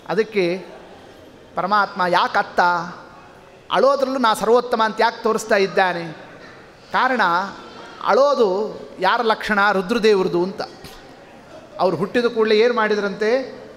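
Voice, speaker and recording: Man, storytelling sermon, asks the audience questions, very high voice, long hall echo. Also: fairly bright tone. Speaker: religious discourse speaker.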